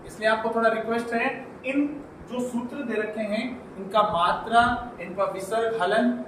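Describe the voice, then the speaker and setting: A man's voice: high-pitched, background noise. A male teacher giving an exam-prep grammar lesson. He repeats key points as questions and then answers them. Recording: roomy echo, from a distance.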